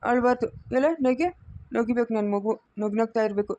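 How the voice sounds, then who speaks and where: A woman's voice: fairly high pitch, steady tone, fairly quick, dark tone, no room sound, highs cut off, natural voice. A woman acting a desperate estranged father who begs to hold his baby son, deferential and pleading, with a Chikkaballapur Kannada accent, in an amateur family drama. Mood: tender. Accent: Kannada of Chikkaballapur area. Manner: pleading, deferential, keeps saying madam.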